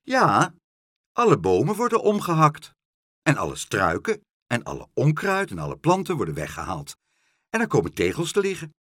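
A man's voice: on the high side, wildly swooping pitch, moderate pace, slightly rough, dry recording, studio quality, voice pushed up, full character voice. A man doing a bubbly, chatty woman. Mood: cheerful. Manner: eager, rattling on.

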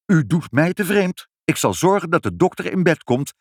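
A woman's voice: fairly low pitch, very animated, moderate pace, no room sound, clean studio sound, voice pushed up. A man reading a storybook and voicing a fussy, easily shocked hospital nurse, who scolds and stammers when flustered. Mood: scolding.

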